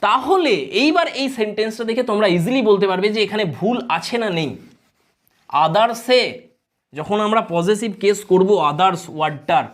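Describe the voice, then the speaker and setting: A woman's voice: medium pitch, animated, fairly quick. A woman with a Bengali accent teaching an exam-prep grammar lesson, explaining step by step and putting questions to her students.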